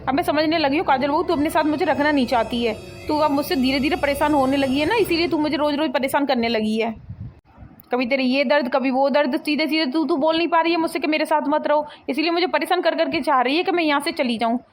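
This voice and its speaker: Cartoon: nagging elderly mother-in-law, played by a woman, high-pitched and scolding. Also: fast talker, lightly acted. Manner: scolding, complaining.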